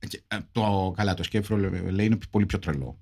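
A man co-hosting a casual film podcast, talking in an animated way and acting out little scenes. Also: lowish voice. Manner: animated, acts out phone calls in funny voices. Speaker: podcast co-host.

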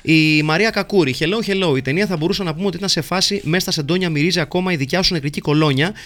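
A podcast host with a voice on the high side and a fairly bright tone reads listener messages aloud. He is playful and jokey, rattling through lists of names.

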